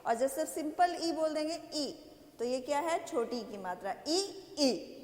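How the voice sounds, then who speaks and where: A woman's voice: high voice, animated, normal speed, dark tone. A woman teaching a kindergarten language lesson. She asks questions, answers them herself, and draws out the vowels. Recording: echoey roomy sound with long reverb.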